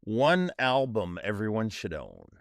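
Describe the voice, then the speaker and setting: A man with a somewhat low voice co-hosts a podcast, asking measured, friendly questions. The recording is close and dry. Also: sing-song, clean tone, no room sound. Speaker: podcast co-host. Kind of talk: casual chat.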